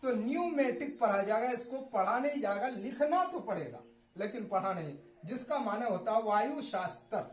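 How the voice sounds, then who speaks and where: A woman's voice: fairly high pitch, lively intonation, moderate pace, echoey room, rough recording. A woman teaching English pronunciation rules, repeatedly asking a question and answering it herself. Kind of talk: classroom-style lesson.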